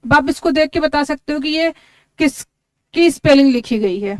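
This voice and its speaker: A woman's voice: sits high, lively intonation, normal speed, dry recording. A woman teaching an exam-prep lesson, explaining step by step and spelling words out letter by letter. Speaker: English teacher.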